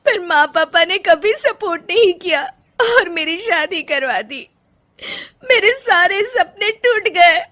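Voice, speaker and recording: A woman's voice: sits high, voice pushed up. A woman voicing a young wife and frustrated painter who talks through tears. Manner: tearful, pleading. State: crying.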